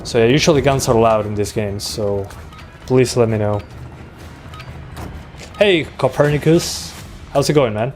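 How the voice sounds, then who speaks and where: A relaxed, chatty Uruguayan tech streamer in his 20s, a native Spanish speaker, talks casually while playing a shooter, answering chat between fights. His mid-range voice moves at a measured pace with long pauses, picked up by a desktop USB microphone, with faint music and faint game gunfire in the background.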